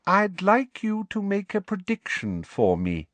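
A man's voice: sits high, huge pitch swings, measured pace, no echo, voice pushed up, exaggerated voice. Man putting on a sugary, cold woman inspector. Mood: soft, cold. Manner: soft, sugary, coldly polite. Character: woman, prim sweetly menacing school inspector.

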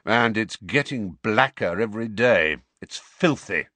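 A man's voice: on the low side, animated, a little slow, pushed and bright, no echo, voice pushed up, heavily acted. A man voicing an impatient, irritable grown man who speaks curtly and with disdain. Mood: cold. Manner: curt, snapping, disdainful. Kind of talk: audiobook character voice.

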